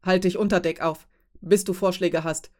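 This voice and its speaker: A woman reading an audiobook voices a huge, calm female ship captain who gives orders in a factual, firm tone. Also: fairly low pitch, normal speed, natural voice. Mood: calm, commanding. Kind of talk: audiobook character voice.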